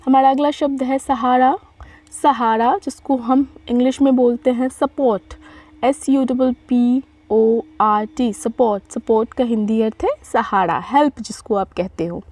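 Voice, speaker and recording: A woman giving a vocabulary lesson, repeating each word and spelling it out letter by letter in an unhurried way, with small self-corrections. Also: fairly high pitch, darkish tone. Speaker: vocabulary teacher.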